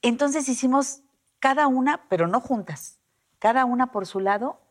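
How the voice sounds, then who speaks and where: A woman's voice: high voice, normal speed. A woman guest in casual conversation, telling a personal story with lots of fillers and restarts. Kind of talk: casual chat.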